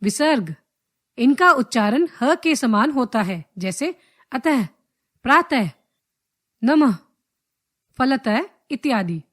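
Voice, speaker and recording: Woman teacher, high voice, unhurried, careful delivery of a scripted lesson. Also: lively intonation, a bit bright. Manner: measured, drawn-out reading of letters and examples. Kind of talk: slow scripted grammar lesson.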